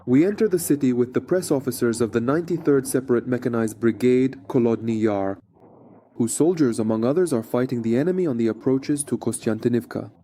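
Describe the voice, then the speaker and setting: A man's voice: mid-range voice, a little fast, mellow, slight background noise. A man narrating a scripted frontline report as a war correspondent.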